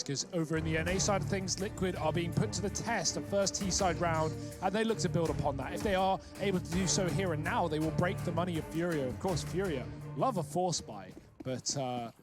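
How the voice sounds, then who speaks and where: A man with a slightly raised pitch talks through esports stats with dry, joking banter. Music runs clearly underneath the broadcast. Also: a little fast. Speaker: esports caster. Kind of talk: match commentary and banter. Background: music under the commentary.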